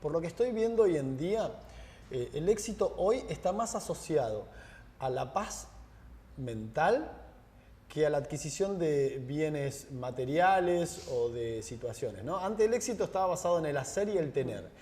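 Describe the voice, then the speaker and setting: A man with a Rioplatense Spanish accent, a guest in a conversational interview, tells stories as an animated storyteller, acting out the dialogue. His voice is fairly high and moves at normal speed, and the recording has a long reverb.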